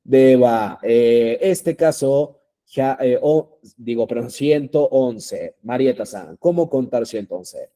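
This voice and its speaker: Slow patient man teaching a class. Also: mid-range voice, lively intonation, warm tone. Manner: patient, repeats words, many fillers. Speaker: Japanese teacher. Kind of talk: language class.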